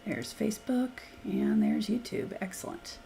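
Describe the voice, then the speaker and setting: A woman with a hoarse voice from being sick hosts a live software demo and answers questions, talking casually as she clicks through screens. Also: medium pitch, animated, unhurried, a little hiss or hum. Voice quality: gravelly, hoarse. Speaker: software trainer hosting a live Q&A.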